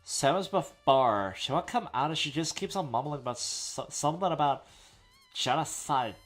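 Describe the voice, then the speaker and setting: A man's voice: a little high, animated, moderate pace, soft background music. A man reading aloud the lines of an upbeat teenage girl athlete from a game's dialogue. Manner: reading game dialogue aloud, slightly louder.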